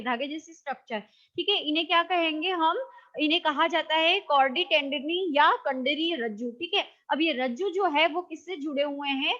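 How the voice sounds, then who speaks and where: A woman's voice: high-pitched, bright, forceful tone, highs cut off. A woman teaching a biology class, asking questions and answering them herself, often checking that students follow and correcting her own slips. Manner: checks understanding with frequent "got it?"; self-correcting, with hesitant fillers.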